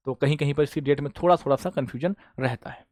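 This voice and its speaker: A fast-talking man with a slightly high, darkish voice leads a drilling quiz class on current affairs online. He coaches for exams, cycling through questions and answers and addressing students as bhaiya and beta, recorded dry in a clean studio.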